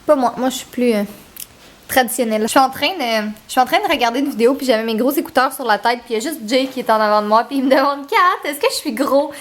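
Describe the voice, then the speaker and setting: A woman's voice: fairly high pitch, fast. A woman in her twenties from Quebec with a Québécois accent, chatting and telling stories in a giggly casual vlog manner. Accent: Québécois French. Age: 20s. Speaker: vlogger.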